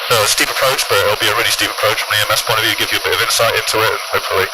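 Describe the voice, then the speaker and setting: A brisk man talks a student through a helicopter flight, encouraging and chatty. He speaks at a rapid clip. His voice comes through a headset intercom, buried under loud rotor and engine noise. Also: lowish voice, fairly even intonation. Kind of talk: in-flight coaching. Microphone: aviation headset intercom.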